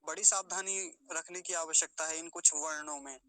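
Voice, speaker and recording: A man teaching careful pronunciation, breaking words into syllables and repeating each one slowly. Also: a little high, steady tone, bright, forceful tone, clear, resonant tone, low-quality recording. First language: Hindi. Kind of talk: explanatory pronunciation lesson.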